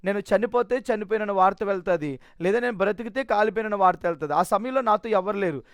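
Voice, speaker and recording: A man's voice: high voice, quick pace, no room sound. A man giving a personal testimony in an earnest, emotional way, often restarting his sentences.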